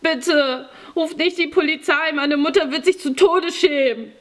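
A woman's voice: high-pitched, a little slow, a bit bright, voice pushed up. A woman doing a whimpering teenage boy thief. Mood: pleading. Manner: whimpering, pleading. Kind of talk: audiobook reading.

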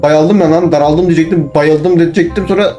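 A young man commenting on his own gameplay, excitable, talking to himself and bursting into shouts. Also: fairly high pitch, normal speed, faint music behind. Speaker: gaming channel host.

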